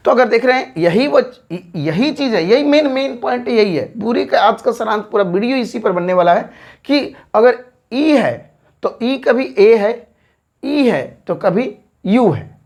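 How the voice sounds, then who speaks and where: A woman teaching an English grammar lesson at a whiteboard, repeating words slowly and checking understanding with quick questions. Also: fairly high pitch, expressive, darkish tone.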